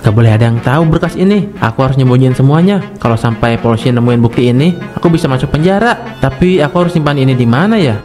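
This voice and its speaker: A man's voice: medium pitch, lively intonation, fast, hardly any pauses, over music, close to an everyday voice. A man voicing a deranged male schoolteacher in a cartoon who rambles, cackles and panics. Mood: scheming. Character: deranged male schoolteacher, scheming then crazed. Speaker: teacher. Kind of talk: cartoon voice acting.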